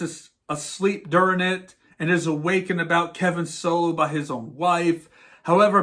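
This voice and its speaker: A man's voice: on the high side, a bit bright. A man hosting a podcast, giving a sarcastic, exasperated movie rant. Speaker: podcast host. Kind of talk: ranting movie commentary.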